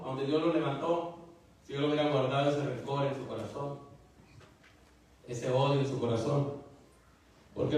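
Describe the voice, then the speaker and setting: A man's voice: fairly high pitch, darkish tone. A man preaching a casual sermon, often repeating little asides to his listeners and restarting his words. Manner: folksy, repeats "¿verdad?" and "hermano". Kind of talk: Spanish sermon. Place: church sanctuary. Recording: echoey church from far off.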